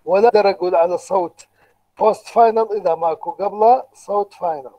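High-voiced Iraqi man lecturing. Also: fast talker, mellow, poor audio. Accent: Iraqi Arabic. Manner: patient, explains step by step with rhetorical questions. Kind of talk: online university lecture. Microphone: computer microphone, online lecture.

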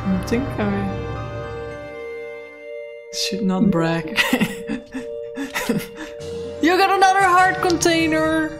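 A woman's voice: sits high, very animated, drawn-out words, pauses often, music in the background. A woman streaming a game she is playing, chatting casually, joking and reading the on-screen text aloud. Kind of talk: casual gaming chat.

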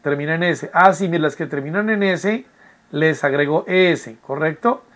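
Teaching English from home in a recorded online class, a man with a slightly high, somewhat bright voice explains at a moderate pace. He stays patient, repeats himself, and often checks that students are keeping up.

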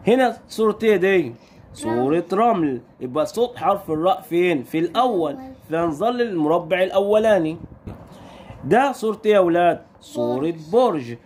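A male teacher with an Egyptian accent walks small children through their letters. His fairly high voice rises and falls a lot, drawing the letter sounds out slowly and snapping out quick questions. A faint noise sits under the recording. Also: very animated, darkish tone. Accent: Egyptian Arabic. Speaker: primary school Arabic teacher. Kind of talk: recorded lesson for young children.

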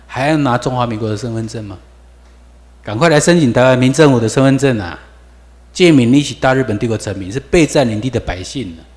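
A male lecturer speaking Mandarin with a Taiwanese accent at a mid-range pitch, pressing his class with emphatic rhetorical questions. He drills new words aloud with his students, and his voice carries a long reverb from the lecture hall around him. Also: fairly quick, darkish tone.

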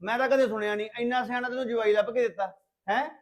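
A man's voice: extremely high pitch, fairly even intonation. An actor playing a hot-tempered young man who scolds his sister in a family drama. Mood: angry. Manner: shouting, scolding, rapid. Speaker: angry brother in a family drama. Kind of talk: Punjabi short film acting.

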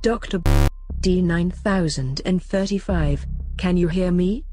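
A woman voicing a calm male lab doctor who gives polite, measured instructions over a radio link. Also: lowish voice, lightly acted. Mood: calm, instructing.

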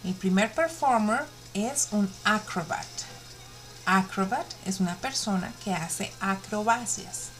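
A woman's voice: medium pitch, a bit bright, faint music behind, poor audio. A woman with a Colombian Spanish accent teaching a bilingual English lesson to young students, drawing out each word for them to repeat. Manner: slow, drawn-out pronunciation drills.

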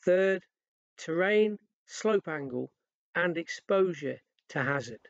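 A man's voice: a little high, slow, gravelly, dry recording. Dry, dull-toned male voice-over. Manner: even, read-out instructions. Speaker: narrator. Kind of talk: scripted voice-over narration.

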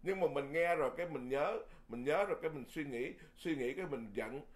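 A man who is a Buddhist monk, giving a Dharma sermon in a lively, folksy way, often repeating words and chuckling. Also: fairly high pitch, brisk.

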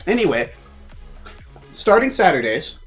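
A man's voice: high-pitched, sing-song, unhurried, fairly bright tone, soft background music. A man co-hosting a casual channel update, rambling and teasing his partner. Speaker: channel co-host. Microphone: phone or laptop mic.

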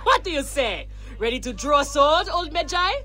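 A woman's voice: high voice, sing-song, moderate pace, bright, forceful tone, full character voice. An actress playing a bold, boastful, fierce gladiator woman in a video game, swaggering and proud. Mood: rousing.

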